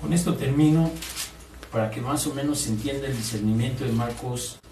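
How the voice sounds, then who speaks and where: A man's voice: mid-range voice, a little fast, noisy background. A man preaching a sermon as pastor, asking his congregation questions and mimicking complainers in a whiny voice. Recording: echoey room, distant mic, faint ambience.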